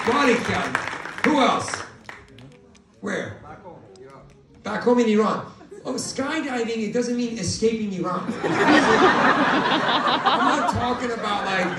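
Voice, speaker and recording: A male stand-up comedian doing loud, animated crowd work, acting out voices. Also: high-pitched, very noisy. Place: large theater with live audience. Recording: roomy hall audio from far off, crowd laughter.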